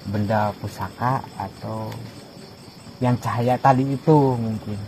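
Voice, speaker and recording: A man's voice: medium pitch, a little mellow, poor audio. A man hosting a night exploration vlog, asking questions casually and somewhat hesitantly outdoors. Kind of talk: casual on-location interviewing. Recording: night outdoor ambience with insect noise.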